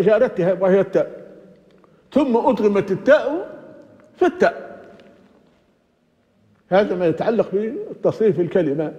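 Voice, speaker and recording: An older man with a high but mellow voice teaches grammar to a class, patient and methodical, asking his own questions and answering them. The lo-fi recording is dull and muffled. His words ring on in a long hall reverb. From Libya. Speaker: sheikh teaching Quranic exegesis.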